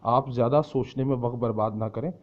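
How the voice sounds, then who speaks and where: A man teaching English who speaks slow, careful English lines and then explains them quickly, sometimes acting out the shouted answers. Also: medium pitch, fairly even intonation. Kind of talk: explaining in a lesson, switching between slow English lines and fast Urdu explanation. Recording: dull lo-fi recording.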